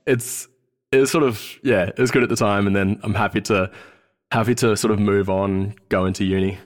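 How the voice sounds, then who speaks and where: Speaking a little fast in a lowish voice with fairly even intonation, an Australian podcast guest in his thirties chats casually in an interview. Born in New Zealand, he comes across as hesitant and searching for words.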